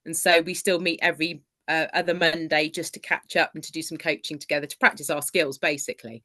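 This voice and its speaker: A woman's voice: sits low, flat delivery, fast, bright, forceful tone. A woman who works as a coach, sharing her experience on a group call in an earnest, hesitant way, with fillers and restarts. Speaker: coach and book club member. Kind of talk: casual group video call.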